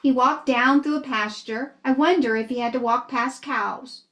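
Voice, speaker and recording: A woman's voice: sits high, moderate pace, sharp tone. A woman telling a missionary story to children, earnestly reading aloud and asking them questions.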